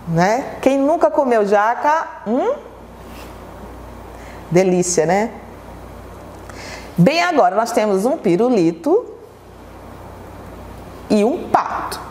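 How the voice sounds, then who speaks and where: Slow, patient woman teacher for young pupils, a little high, in an echoey room with a long tail. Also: animated, darkish tone, a little hiss or hum. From Brazil. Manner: slow, patient, asks pupils questions and answers them herself. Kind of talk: televised classroom lesson for children.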